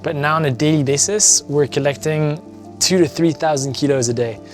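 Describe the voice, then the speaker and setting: An earnest young man from France, answering interview questions with plenty of fillers and restarts. His voice sits a little high for a man, with faint music underneath. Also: fairly even intonation, moderate pace. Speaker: guest, environmental activist. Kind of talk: conversational interview.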